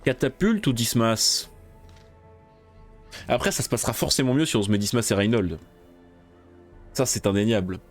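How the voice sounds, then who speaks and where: A gaming video creator with a mid-range voice talks at a moderate pace, broken by long pauses, as faint music plays behind him. In his casual let's-play commentary he swears loudly when things go wrong, then mutters while planning.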